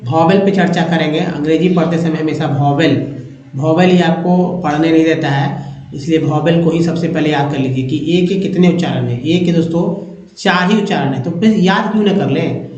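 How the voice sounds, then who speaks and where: A man with a fairly high voice teaches pronunciation from slides and repeats each sound pattern one after another. The recording is dull and lo-fi, in a very echoey room. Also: a little mellow. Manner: explains step by step, repeats with "है ना" and "दोस्तों". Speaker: English teacher. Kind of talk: slide-based pronunciation lesson.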